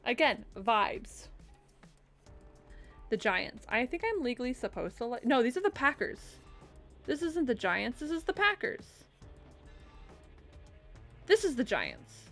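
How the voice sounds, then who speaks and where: A young woman chats live on her stream and hands out blunt, opinionated verdicts with quick laughs and asides. Her voice sits high and swings widely in pitch. Faint music plays under her talk. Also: very animated, a bit bright. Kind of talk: casual live-stream chat while ranking logos.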